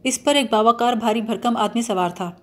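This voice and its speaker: A woman narrating a novel aloud as an audiobook reader, in a measured, expressive manner. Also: fairly high pitch. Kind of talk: storybook narration.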